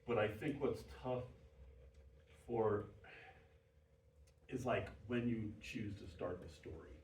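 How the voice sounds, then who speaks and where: A man's voice: fairly low pitch, slow pace, a little mellow. A man who runs an audio theater company, explaining casually on a panel with many fillers. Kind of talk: panel discussion. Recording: roomy echo, far from the mic, faint noise.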